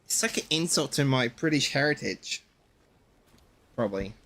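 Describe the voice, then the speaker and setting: A man's voice: medium pitch, animated, normal speed, fairly bright tone. A man streaming a game, chatting casually in a rambling, ranting way and swearing freely. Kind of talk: casual chat while gaming.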